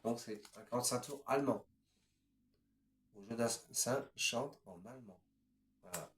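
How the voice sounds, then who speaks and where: This fifties-aged man has a mid-range, fairly bright voice and speaks a little slowly as he presents his records in a casual, hesitant show-and-tell. Filler words abound, with "voilà" and "ensuite" stringing the items together. The recording carries a roomy echo and slight background noise.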